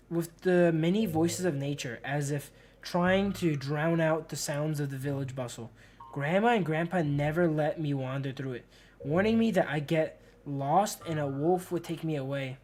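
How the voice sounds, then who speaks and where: Speaking at normal speed, a man with a slightly high, somewhat mellow voice streams a game with casual commentary. He reads the story text and chats loosely in slang, tossing out "bro" and "dude" to his audience. Music plays behind him amid slight background noise.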